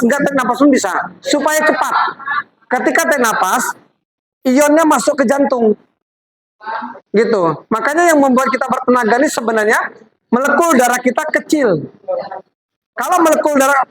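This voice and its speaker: Talking a little fast with frequent pauses, a woman with a high voice directs volunteers during a live product demonstration to a group. The MLM presenter is chatty and coaxing; the recording is rough, with crowd noise behind.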